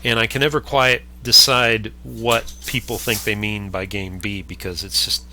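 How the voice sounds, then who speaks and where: A man's voice: lowish voice, little pitch movement, normal speed, sharp tone, a little hiss or hum. A man hosting a casual video-call conversation, thinking aloud in long winding sentences. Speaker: channel host. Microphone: webcam on a mic arm at home.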